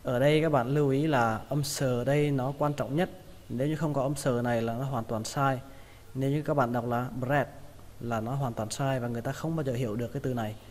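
A man teaching English pronunciation, repeating each word slowly in drills. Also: medium pitch, fairly even intonation, a little mellow. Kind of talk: pronunciation lesson. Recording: long hall reverb.

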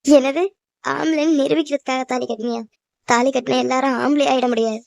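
A woman voicing a defiant, outspoken young woman in a cartoon drama, talking in a sharp, accusing way. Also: sits high, fairly even intonation, fairly quick, creaky, slight background noise. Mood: indignant. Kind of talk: cartoon voice acting.

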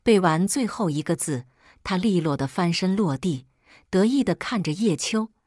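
Woman narrator, scripted story, low pitch, lively intonation, dry close sound. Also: normal speed, no echo.

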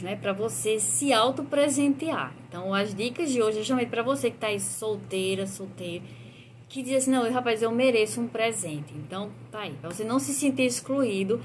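A woman's voice: fairly high pitch, a little hiss or hum. Chatty Brazilian woman perfume host. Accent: Brazilian Portuguese. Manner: chatty, frequent tag questions. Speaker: perfume reviewer hosting an Instagram live. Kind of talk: casual live-stream chat, greeting viewers and reviewing perfumes.

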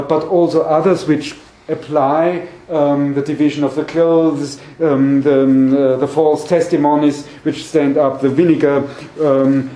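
In this seminar clip, a man in his forties lectures on a scholarly topic, hesitating and often repeating words as he gropes for phrasing. His voice is a little high and warm. He's an academic lecturer speaking indoors in a conference-table meeting room, recorded in an echoey room from a distance.

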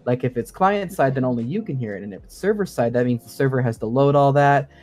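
As a guest co-host on a gaming podcast, a man explains game sound design casually but in technical detail, with an informal, hedging manner. His mid-range voice has a darkish tone, and he talks at a quick pace.

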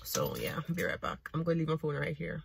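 A woman's voice: low voice, big pitch swings, a little fast, creaky. A young woman with a Jamaican accent chatting casually to her viewers while driving, rambling and poking fun at herself. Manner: chatty, rambling, self-mocking. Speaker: vlogger. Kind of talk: casual driving vlog chat. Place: inside a car. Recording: loud car and road noise.

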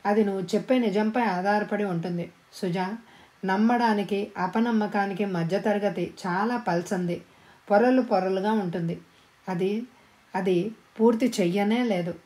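A woman's voice: mid-range voice, moderate pace, mellow, close to an everyday voice. A woman voicing a stern, suspicious young man who interrogates curtly, in a storybook reading. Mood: cold. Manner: curt, interrogating.

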